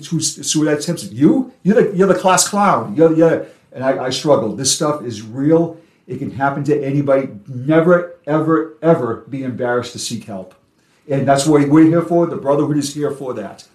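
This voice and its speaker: Male interview guest, mid-pitched, earnest and emphatic, plain talker who repeats key words, echoey room sound. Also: a little mellow. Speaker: guest, advocate for officer mental health and peer support.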